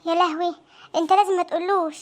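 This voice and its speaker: A woman with an Egyptian accent voicing panicky teenage students in a comic cartoon, talking in frantic, squeaky chatter. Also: fairly even intonation, rapid-fire. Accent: Egyptian Arabic. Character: panicky teenage students dreading exam results.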